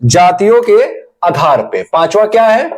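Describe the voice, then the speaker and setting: Male teacher, high voice, slow delivery; poses questions and answers them himself, repeats terms for emphasis. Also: very animated, darkish tone. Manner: addresses viewers as friends. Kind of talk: exam-prep Hindi grammar lesson.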